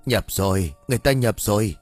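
A man's voice: lowish voice, no room sound, soft background music, natural voice. A man voicing an irritable old male shaman who stutters and stumbles over his words. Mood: stern. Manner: halting, loud, quick to flare up.

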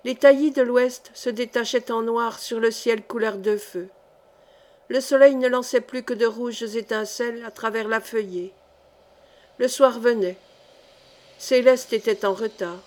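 Woman, audiobook narrator, calm, measured, literary reading, slightly high voice. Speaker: audiobook reader.

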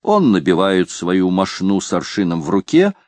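A man's voice: sits low, big pitch swings, moderate pace, darkish tone, no echo. An amused, mocking companion, as a male reader puts him on, teasing and mock-stern in a storybook. His voice swings widely and the sound is dry and close.

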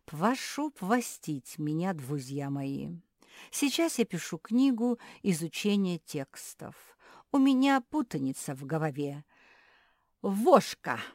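A woman voicing an absent-minded old male bulldog professor who swaps r and l for v, speaking slowly and loudly. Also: fairly low pitch, very animated, no room sound, studio quality, exaggerated voice. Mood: cheerful. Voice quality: says "v" for r and l. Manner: slow, drawn-out, lecturing.

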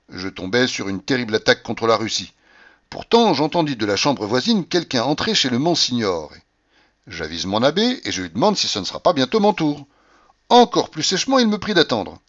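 Male audiobook narrator, lively pitch, dull lo-fi sound, classic novel reading. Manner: expressive, voices dialogue with rising pitch. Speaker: audiobook reader. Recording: dull lo-fi recording.

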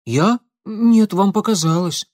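Frightened teenage boy, shrill when cornered, as a male narrator puts him on; audiobook reading, dry sound. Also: takes it slowly, a little mellow, no room sound. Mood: panicked denial.

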